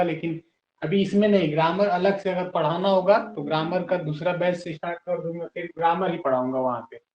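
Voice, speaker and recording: Male teacher, high voice, spells words out slowly, patient, roomy dull lo-fi classroom sound. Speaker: English teacher. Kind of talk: classroom lesson.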